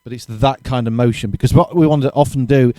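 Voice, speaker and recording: Relaxed man teaching drums. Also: mid-range voice, fast, no room sound. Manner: relaxed, chatty, self-correcting, counts beats aloud. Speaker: drum teacher. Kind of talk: casual spoken lesson. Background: drumming between explanations.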